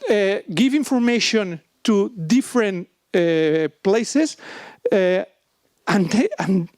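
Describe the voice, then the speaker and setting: A man from Spain with a Spanish accent, presenting in halting, Spanglish-style non-native English, searching for words. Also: high voice, animated, darkish tone, no echo, clean studio sound. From Barcelona, Spain. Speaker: software company presenter. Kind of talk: business presentation with questions.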